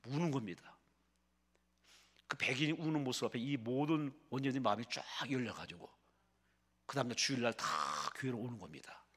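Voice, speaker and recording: A male pastor delivering a dramatic sermon, swinging between loud, fervent exclamations and hushed, storytelling passages. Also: medium pitch, brisk, long pauses, slightly rough. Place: prayer retreat sanctuary. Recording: long hall reverb.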